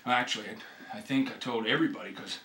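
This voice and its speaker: A man's voice: mid-range voice, quick pace, bright, forceful tone. A man in a comedic scene, talking in a hesitant, rambling way and breaking into silly sung lines. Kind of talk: rambling comic monologue. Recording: echoey room with faint noise.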